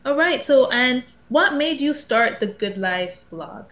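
A woman's voice: sits high, animated, measured pace, a bit bright. A woman co-hosting a live online show, reading a guest introduction with a hesitant delivery and lots of ums. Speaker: social media manager and co-host.

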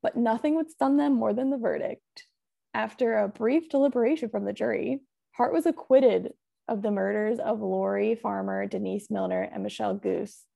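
A woman's voice: mid-range voice, moderate pace, creaky, warm tone, muffled recording. A young woman podcast host telling a true-crime case in a chatty, casual way, full of "like" and "um". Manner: chatty, full of "like" and "um", laughs often.

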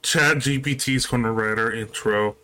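A man's voice: mid-range voice, normal speed, over a noisy crowd. Rambling young guy on a podcast. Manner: rambling, hesitant, swears often. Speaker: podcast co-host. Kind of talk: casual chat.

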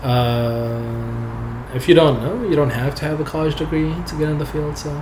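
This relaxed young software developer, a non-native English speaker, talks at a moderate pace in a casual interview chat. His delivery is loose and rambling, sprinkled with fillers and easy laughs, in a mid-range pitch, while the echoey room carries a steady hiss.

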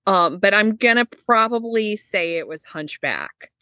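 A woman's voice: medium pitch, lively intonation, unhurried, pushed and bright, no room sound. A young woman co-hosting a podcast, casual chat with wry humor. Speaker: podcast co-host.

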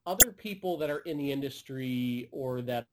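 A man's voice: mid-range voice, expressive, normal speed, noisy background. A man from a game publisher guesting on a podcast, talking earnestly in casual chat with fillers.

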